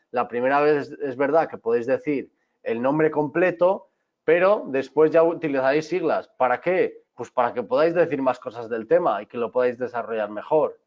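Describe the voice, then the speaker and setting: A man teaches a class on exam technique. He talks straight to the students, restarting his sentences and checking in with them often. His voice sits in a middle pitch, and the recording sounds a little dull and lo-fi. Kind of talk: online class lecture.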